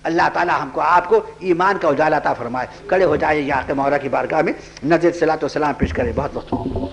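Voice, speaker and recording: A man preaching a sermon, telling a story with acted dialogue and rising into fervent prayer. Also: on the high side.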